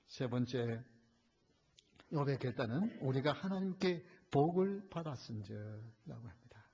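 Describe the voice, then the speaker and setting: A male pastor preaching a sermon, addressing the congregation often and switching between hushed, almost whispered asides and loud, fervent climaxes. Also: medium pitch, lively intonation, unhurried, vocal fry, husky. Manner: storytelling with many fillers and repeated direct address to the congregation. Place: church sanctuary. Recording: dull, lo-fi church recording.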